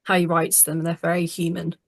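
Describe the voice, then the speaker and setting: Low, gravelly-voiced woman chatting. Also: fairly quick. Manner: relaxed, peppered with "like". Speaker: podcast guest. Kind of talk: casual chat.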